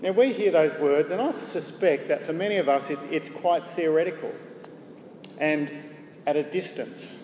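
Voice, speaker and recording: A man preaching a sermon in a measured way, asking the congregation rhetorical questions. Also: fairly high pitch, darkish tone, a little hiss or hum. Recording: echoey hall with faint ambience.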